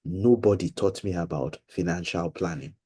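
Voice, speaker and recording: A middle-aged man leading an online money seminar for children, explaining patiently and slowly over a video call. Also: low voice, dark tone, slight background noise. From Nigeria. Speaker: financial literacy seminar leader.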